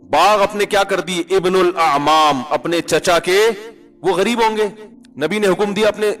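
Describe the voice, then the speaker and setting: Man preaching with wry rhetorical questions. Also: a little high. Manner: quotes Arabic verses in a chanting tone. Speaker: Islamic scholar giving a lecture. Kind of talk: conversational religious sermon.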